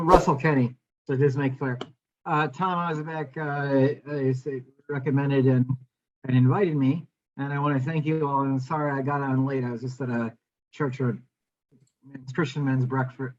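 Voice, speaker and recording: A man's voice: mid-range voice, steady tone. Polite man on dull lo-fi call audio. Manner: polite, halting. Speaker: caller and property investor.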